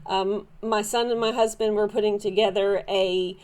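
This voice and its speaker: A woman with a Southern drawl talks through her latest finds in a relaxed, chatty way. She wanders off on tangents, restarts her sentences and fills the gaps with "um" and "uh." Her voice sits at an ordinary middle pitch. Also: moderate pace, clean tone. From Southern United States. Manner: chatty, meandering, many fillers and restarts. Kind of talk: casual show-and-tell haul.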